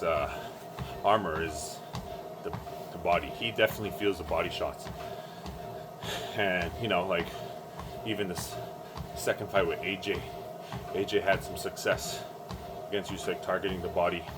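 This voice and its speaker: A man giving casual, halting solo sports commentary, thinking aloud while exercising on a treadmill. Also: low voice. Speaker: boxing vlogger giving fight predictions. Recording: music playing behind the voice.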